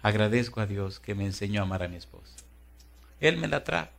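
A middle-aged man preaching a sermon as pastor, animated and humorous, moving from hushed asides to loud exhortation. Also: on the low side, fairly quick, gravelly. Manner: humorous storytelling.

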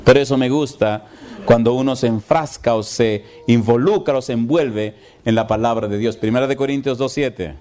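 A man's voice: mid-range voice, normal speed, warm tone. A male preacher telling stories in a sermon and firing rhetorical questions at his congregation.

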